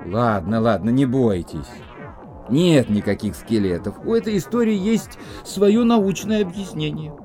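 A bookish, rational little bug from a children's audio drama. The voice is mellow, fairly high and very animated, explaining precisely and easily flustered. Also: male voice, unhurried, faint music behind. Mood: storytelling, reassuring.

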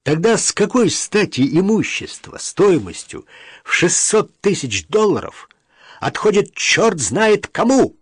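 A man's voice: a little high, sing-song, a little slow, no echo, clean studio sound, voice pushed up. A man doing a blunt, irritable brother. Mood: irritated. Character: irritable, weary adult brother who flares up. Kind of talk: audiobook character reading.

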